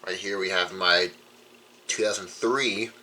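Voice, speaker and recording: This radio collector is a young man with a deep voice, fairly even intonation, and a slightly slow delivery. He gives an informal, meandering tour of his collection from inside a room, with some noise in the background.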